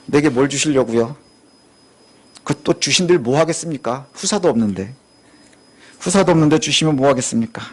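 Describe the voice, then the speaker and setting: A man's voice: fairly high pitch, lively intonation, moderate pace, pauses often, husky, pitched below the performer's own voice. A man voicing an aging patriarch who complains bitterly in sulky questions. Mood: resentful.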